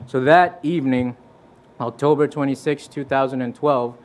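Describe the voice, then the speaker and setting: A young visiting preacher from Fiji speaks at a moderate pace in a medium-pitched voice. His church sermon centres on his own testimony, told with earnest, conversational warmth, occasional restarts, and quoted scripture.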